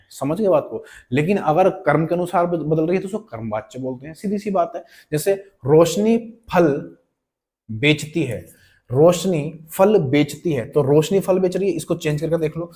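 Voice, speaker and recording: Guy teaching grammar for exams, kinda high voice, keeps asking "got it?", repeats stuff slowly. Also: darkish tone. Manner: conversational and coaxing, checks in with students often; repeats key words and example sentences slowly. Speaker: Hindi exam-prep teacher. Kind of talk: online lesson explaining grammar questions.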